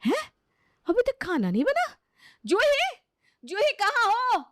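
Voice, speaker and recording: A woman voicing a bossy elder sister-in-law who scolds loudly and sharply. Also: high voice, animated, normal speed, dry recording, clean studio sound, pitched above the performer's own voice. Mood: scolding, exasperated.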